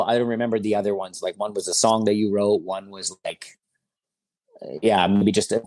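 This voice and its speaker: A man in his forties, a guest rapper in a casual interview, speaks in a fairly low, slightly mellow voice with no room sound. His first language is German or Italian, and he rambles in a laid-back way, full of fillers and slang like "bro" and "you know what I mean."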